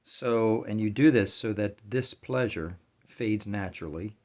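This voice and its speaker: Low-voiced male spiritual teacher, calm and reflective, drops to hushed asides. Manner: slow, reflective, drops to near-whisper at times. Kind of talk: meditative dharma talk.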